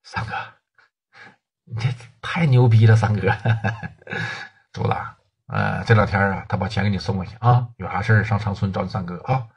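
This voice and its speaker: A man with a Northeastern Mandarin accent voicing a calm, shrewd male city gang leader who speaks low and unhurried. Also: gravelly, breathy edge, dull audio. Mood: amused.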